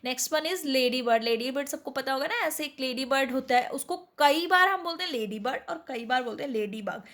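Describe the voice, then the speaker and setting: High-voiced woman teaching English vocabulary. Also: fairly quick, fairly bright tone. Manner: addresses viewers as friends, asks and answers own questions. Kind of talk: lesson.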